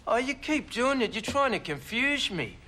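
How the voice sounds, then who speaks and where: A man's voice: extremely high pitch, sing-song, moderate pace, pushed and bright, slight background noise, exaggerated voice. An actor playing an agitated male Australian pensioner on methadone, a witness in court who rambles indignantly and keeps saying "mate". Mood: rambling. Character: agitated scruffy male pensioner addict witness, cocky and evasive. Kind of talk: film drama acting.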